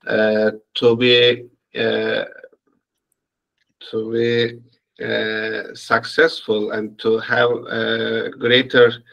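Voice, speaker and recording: A man's voice: medium pitch, monotone, very slow, gravelly, fairly bright tone, highs cut off. A man translating a speech into English, hesitating and searching for words. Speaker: interpreter. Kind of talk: halting spoken translation.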